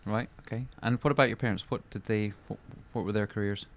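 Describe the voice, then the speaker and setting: A man hosting a podcast, asking interview questions in a measured, formal way. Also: lowish voice, steady tone. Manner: measured and formal when introducing. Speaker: podcast host. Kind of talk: scripted introduction and interview questions.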